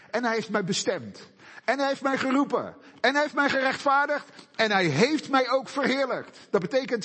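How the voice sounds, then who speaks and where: Male preacher with a high, lively voice, delivering a sermon full of rhetorical questions, recorded in a reverberant hall. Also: husky. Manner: animated, asks and answers rhetorical questions. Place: church hall. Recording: echoey hall.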